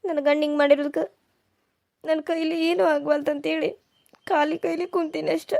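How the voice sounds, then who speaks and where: A woman's voice: high voice, level tone, normal speed, creaky, darkish tone, no room sound. A woman voicing an aggrieved, defiant young village daughter-in-law with a North Karnataka accent in a cartoon serial. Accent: North Karnataka Kannada.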